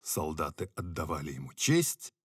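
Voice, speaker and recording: A man narrating an audiobook in a lively, expressive way. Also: rumbling low, normal speed, husky, dry recording, clean studio sound.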